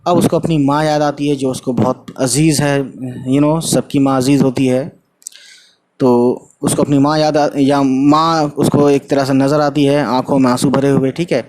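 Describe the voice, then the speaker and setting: A man's voice: medium pitch, level tone, darkish tone. A man teaching an Urdu textbook lesson. He reads a line, explains it in simple words with some English mixed in, and checks in with his students.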